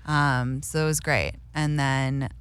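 A woman's voice: rumbling low, fairly even intonation, slow, clear, resonant tone, dry recording. A young woman from England who talks with an American Valley girl accent, chatting casually as an interview guest, candid, self-mocking and sweary. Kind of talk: casual chat.

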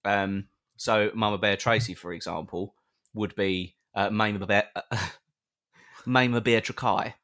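A British man co-hosts a live podcast, bantering casually and playfully with listeners and frequently restarting his sentences. His voice is fairly low, sharp in tone, slow, and flat in delivery.

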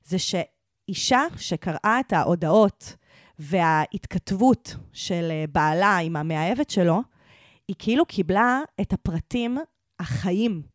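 A woman's voice: fairly low pitch, dry recording, clean studio sound. A woman with an Israeli accent chatting casually as a podcast co-host. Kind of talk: casual conversational podcast chat.

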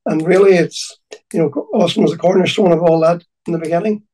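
A man with a Donegal Irish accent reminiscing in conversation, haltingly and often repeating his words. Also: sits high, steady tone, darkish tone, far from the mic, poor audio. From County Donegal, Ireland.

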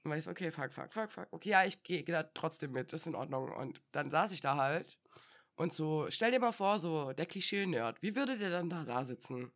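A woman's voice: sits low, animated, fairly quick. A young woman co-hosting a podcast, chatting casually and acting out quoted dialogue as she tells stories, laughing often. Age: young adult. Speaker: podcast co-host. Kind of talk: casual chat.

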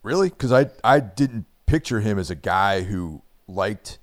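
A man co-hosts a podcast with an easygoing, drawn-out delivery. His voice sits very low, and he peppers his talk with "man" and "you know". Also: lively intonation. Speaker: podcast co-host. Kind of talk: casual chat.

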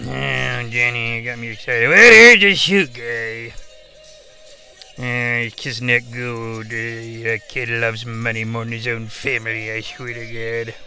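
A man's voice: medium pitch, sharp tone. A man voicing a bumbling, rambling old ex-wrestler who gets easily flustered and confused by technology, in an improvised comedy bit.

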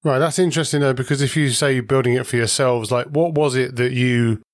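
A man's voice: medium pitch, steady tone, a little fast, no room sound, clean studio sound. A man hosting a podcast, reading a playful scripted intro and then asking questions in a joking way. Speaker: podcast host.

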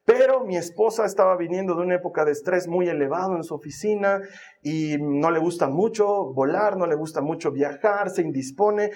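High-voiced man preaching. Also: fairly quick, darkish tone. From Bolivia. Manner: storytelling, emphatic repetition. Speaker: pastor. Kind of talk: sermon.

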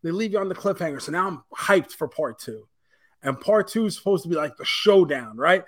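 Guy cohosting a podcast, high voice, swears a lot, acts out quotes, super animated. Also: a little fast. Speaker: podcast co-host. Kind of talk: casual chat.

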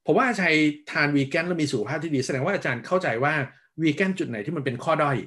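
Calm explaining man on diet advice. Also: on the high side. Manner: measured, explanatory, frequent polite particles. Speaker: health guest.

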